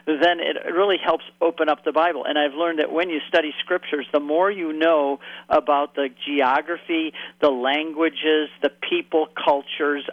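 A man telling vivid, lively stories as a guest on a radio interview. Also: a little high, no echo, phone-quality sound. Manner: lively, vivid anecdotal storyteller.

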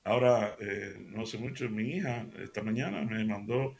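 Gravelly-voiced male radio preacher. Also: on the low side, moderate pace, a little mellow. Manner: conversational, addresses listeners directly with many fillers and restarts. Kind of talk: radio devotional sermon.

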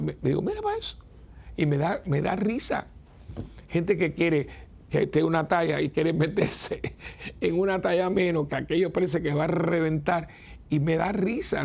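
Older priest guy, raspy voice pitched a bit high, chatty, laughs a lot. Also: darkish tone. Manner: conversational, self-interrupting, chuckling. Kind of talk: informal spiritual talk.

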